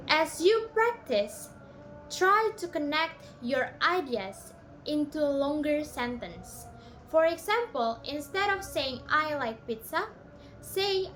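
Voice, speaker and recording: High-voiced woman teaching English step by step. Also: a bit bright, slight background noise. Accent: Indonesian. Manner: explains step by step, switching between two languages. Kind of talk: bilingual spoken lesson.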